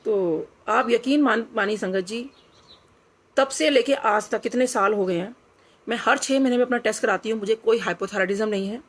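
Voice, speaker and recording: A woman's voice: a little high, normal speed. A middle-aged woman, earnestly sharing a personal devotional story and slipping English phrases into her speech. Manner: earnest, reflective, drops into quoted dialogue, mixes in English phrases.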